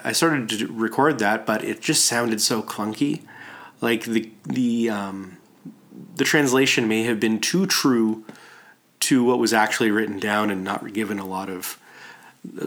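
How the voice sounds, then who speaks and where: A man's voice: lowish voice, fairly bright tone. Congested, stuffy-nosed man hosting a podcast. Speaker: podcast host. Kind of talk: informal podcast introduction and read-aloud story.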